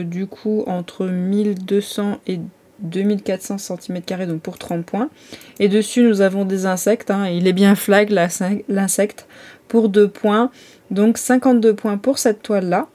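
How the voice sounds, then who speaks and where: A woman talking through a casual vlog in a warm, mellow voice. She chats at an easy, medium pitch, full of little hesitations and restarts. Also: steady tone, measured pace. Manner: chatty, hesitant, many fillers and restarts. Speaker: vlogger.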